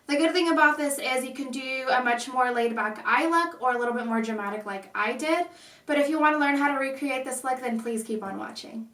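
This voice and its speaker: A woman's voice: high-pitched, fairly quick, fairly bright tone. A woman hosting a casual makeup tutorial, speaking with slightly odd, constrained articulation. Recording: echoey room, distant mic.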